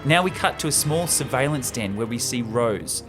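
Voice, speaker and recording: Over loud background music, a male podcast host walks through a movie script, his mid-range voice lively in intonation and moderate in pace. He's excited and talkative, trading banter with his co-host along the way.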